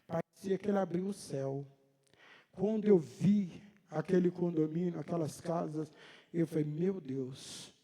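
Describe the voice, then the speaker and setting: High-voiced mineiro preacher in a reverberant hall. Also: male voice, a little slow, mellow. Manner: conversational storytelling, acting out dialogue. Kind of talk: sermon told as a personal story. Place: church hall.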